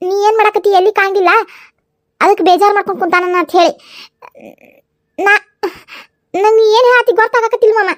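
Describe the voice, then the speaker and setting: A woman voicing a kind, earnest young village woman with a North Karnataka accent in a cartoon comedy, speaking in a consoling, pleading way. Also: extremely high pitch. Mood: flustered. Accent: North Karnataka Kannada. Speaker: cartoon voice actor.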